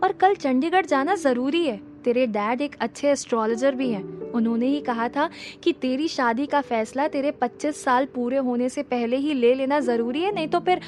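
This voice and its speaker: A doting, stubborn middle-aged mother, voiced by a woman, who scolds and insists on getting her way. The voice sits high and firm. Clear background music plays throughout the audio story. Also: moderate pace, hardly any pauses, a little mellow, close to an everyday voice. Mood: insistent. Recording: music playing under the voice.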